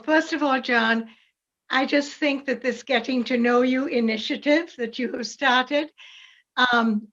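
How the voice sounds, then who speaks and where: An older woman with a Jamaican accent, calmly and reflectively recalling her upbringing as an interview guest. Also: fairly high pitch, lo-fi sound. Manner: calm, reflective storytelling. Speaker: parishioner guest. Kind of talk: casual interview.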